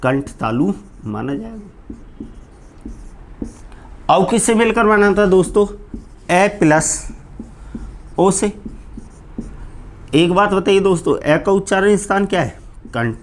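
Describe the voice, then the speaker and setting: A man with a somewhat high voice teaches Hindi grammar to exam students in a live online class. He keeps asking questions aloud and answering them himself. His answers come out lower and slower than his questions. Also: animated. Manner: keeps repeating "friends" to address students; drops low and slow on each answer.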